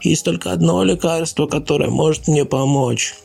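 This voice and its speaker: A man voicing a sly, boastful young male ghost who whines and pleads, in a gravelly voice. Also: a little high, moderate pace, darkish tone, faint music behind, voice pushed up, full character voice. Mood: whining.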